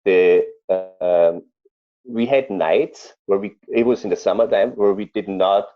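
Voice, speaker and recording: A man with an Austrian accent, a chef telling stories in an interview, speaking haltingly with many fillers and restarts. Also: sits low, highs cut off. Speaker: chef guest. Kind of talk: conversational interview storytelling.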